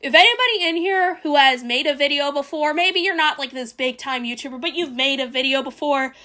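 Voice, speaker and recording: A high-pitched woman streamer with a bright, sharp tone talks over a video in a blunt, foul-mouthed rant. She mocks and mimics in a loose, casual reaction style. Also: brisk. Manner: blunt and profane, ranting, mocking; sarcastic mimicking voices.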